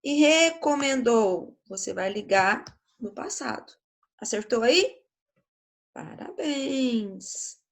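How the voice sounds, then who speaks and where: A woman teacher with a Brazilian Portuguese accent walks schoolchildren through a grammar lesson. She speaks slowly and patiently, in a fairly high voice. She keeps checking in with quick tag questions. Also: animated. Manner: slow, patient, explanatory, checking with "né?" and "tá?".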